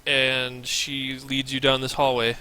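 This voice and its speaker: Bright-voiced man running a tabletop game. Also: mid-range voice, monotone, slow, clean tone. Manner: hesitant, laughing narration with restarts. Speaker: dungeon master. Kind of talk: narrating a tabletop game online.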